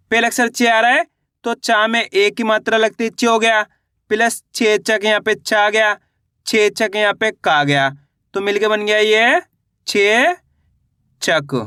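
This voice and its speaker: Bright-voiced male reading teacher. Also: high voice, clear, resonant tone, dry recording, clean studio sound. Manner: slow, drawn-out syllable spelling with repeated questions. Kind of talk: online reading lesson.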